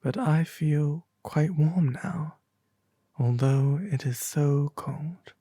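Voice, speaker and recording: A performer doing a proud little storybook swallow, creaky. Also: mid-range voice, very slow, dark tone, no room sound, clean studio sound, exaggerated voice. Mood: wondering. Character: small male swallow, proud, chatty, kind-hearted storybook bird.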